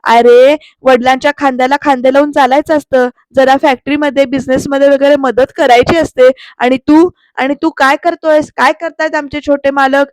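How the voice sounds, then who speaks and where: A bold, scolding young woman tears into a lazy rich boy, loud and mocking, on a high voice with a dry, close sound, as a woman acts her out in a recap. Every line lands like a telling-off. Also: fairly even intonation, moderate pace, few pauses, dry recording, natural voice. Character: sharp-tongued young woman scolding a spoiled heir.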